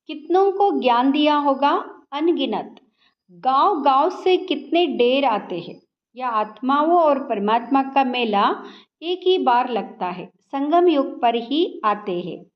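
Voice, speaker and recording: A woman slowly reading a spiritual discourse aloud in a measured, instructive way. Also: sits high, lo-fi sound. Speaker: scripture reader.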